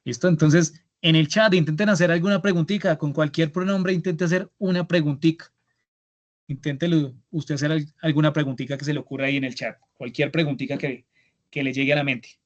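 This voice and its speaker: A man with a Colombian accent teaching an online English class, patient and repetitive, slowing down for model phrases. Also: a little high, fairly even intonation. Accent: Colombian Spanish. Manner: patient, repeats words, slow model phrases. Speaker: English instructor. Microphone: computer mic on a video call. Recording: lo-fi video call audio.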